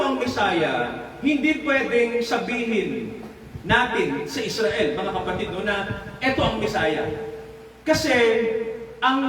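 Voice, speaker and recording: A man preaching a Bible study sermon, often turning to the listeners with questions and laughing as he talks. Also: high voice. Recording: echoey hall, from far off the mic.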